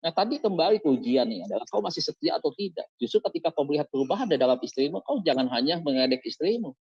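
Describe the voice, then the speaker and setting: Exhorting pastor, lo-fi online sermon. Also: male voice, fairly high pitch, sing-song, fast talker, darkish tone, husky, no echo. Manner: exhorting, asks the listeners many questions. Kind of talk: sermon over an online service. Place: online service on a video call.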